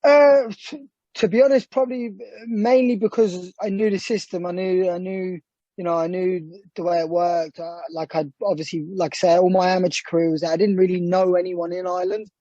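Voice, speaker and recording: A man's voice: sits high, fairly even intonation, fairly quick, dark tone, no room sound, lo-fi sound. A young man from England, a boxer, answering interview questions casually with rambling sentences and many fillers.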